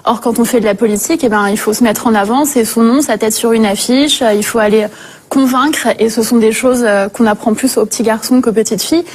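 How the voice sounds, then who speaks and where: A woman's voice: fairly high pitch, a little fast, husky. Composed woman guest on a TV talk show. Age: 30s. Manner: composed, articulate, frequent "euh" fillers. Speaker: guest, politician. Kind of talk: studio talk show interview. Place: TV studio.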